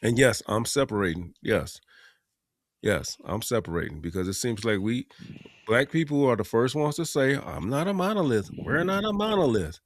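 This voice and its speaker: A man co-hosting a podcast, talking in a laid-back, slangy, measured way. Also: medium pitch, lively intonation, dry recording. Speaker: podcast co-host. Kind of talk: casual chat.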